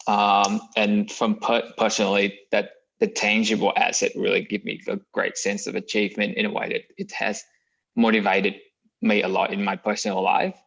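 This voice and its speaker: A young man with a Vietnamese accent answers interview questions earnestly, pausing often on fillers. His voice is low with a gravelly fry. The sound is dull, like a video call. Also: flat delivery, fairly bright tone. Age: young adult. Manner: hesitant, many fillers, earnest. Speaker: MBA applicant.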